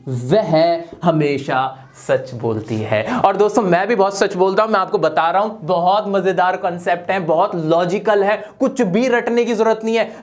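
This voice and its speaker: High-voiced man teaching playfully. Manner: lively, full of rhetorical questions to the viewer. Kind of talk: playful grammar lesson.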